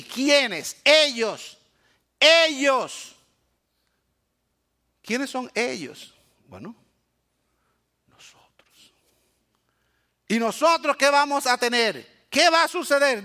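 A male pastor from Cuba, whose voice sits very high and rings bright. He preaches like a lively storyteller, acting out voices and throwing "eh?" back at his listeners. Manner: animated storyteller, acts out quotes, asks "eh?" often. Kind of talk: sermon.

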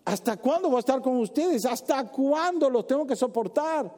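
A man's voice: extremely high pitch, expressive, normal speed, darkish tone, pitched above the performer's own voice. Man playing an exasperated, commanding Jesus. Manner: indignant, emphatic questioning. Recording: reverberant hall.

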